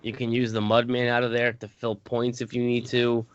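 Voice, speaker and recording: A man's voice: mid-range voice, monotone, moderate pace, lo-fi sound, slight background noise. A man co-hosting a podcast, chatting casually about a tabletop game and rambling with frequent self-corrections. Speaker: podcast co-host.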